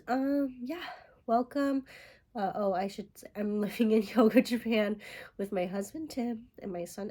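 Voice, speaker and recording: A woman's voice: fairly high pitch, dark tone. A woman with a stuffed-up, nasal voice from a head cold, chatting casually as host of a knitting vlog, rambling with plenty of fillers. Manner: rambling, lots of fillers and light laughs. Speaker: yarn dyer and podcast host.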